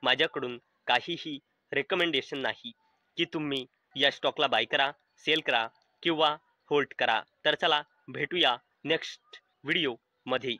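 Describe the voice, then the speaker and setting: Male host, Marathi accent, very bright voice, scripted finance explainer, steady run of numbers. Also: medium pitch, normal speed, no room sound, poor audio. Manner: steady recital of figures, addresses viewers as friends. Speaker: stock market channel host.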